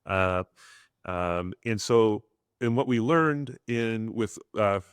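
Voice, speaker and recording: A man's voice: on the low side, expressive, slow, clean tone, no room sound, studio quality. A man co-hosting an insurance agency podcast, talking casually with lots of fillers and restarts. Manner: rambling, many fillers and restarts.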